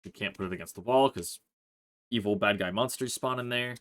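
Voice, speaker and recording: A man hosting a Let's Play, chatting through his gameplay in a relaxed, rambling way, thinking aloud with plenty of "uh" and "like". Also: fairly low pitch, fairly quick, a little hiss or hum. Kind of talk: casual gameplay commentary.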